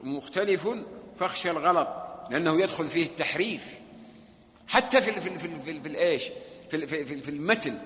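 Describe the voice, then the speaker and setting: A man's voice: fairly high pitch, fast talker, a bit bright. A man teaching a mosque class, often stopping to quiz students and restarting words. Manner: keeps asking students check questions, many stuttered restarts. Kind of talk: mosque lesson on hadith terms. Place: mosque hall. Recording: reverberant mosque hall.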